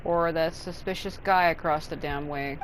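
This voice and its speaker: Her voice is low-pitched and steady, moving at a moderate pace as she casually narrates her let's play and reads the game's choices aloud, bluntly and sarcastically. A noisy crowd and game music sit behind the rough recording.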